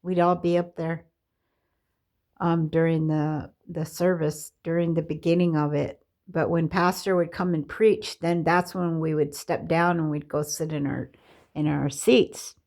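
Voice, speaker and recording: Woman, middle-aged, gravelly voice, unhurried, halting with fillers, candid personal testimony. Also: low voice, flat delivery, a little mellow. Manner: halting, with many fillers and restarts; candid and confessional. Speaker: vlogger sharing her life story. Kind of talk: personal testimony, casual storytelling.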